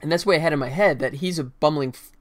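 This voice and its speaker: A man in his forties, live-streaming casual commentary as he develops a game, speaks in a rapid-fire way with a voice on the high side. He's at a computer in a small indoor room, with faint music and the sound of typing behind him.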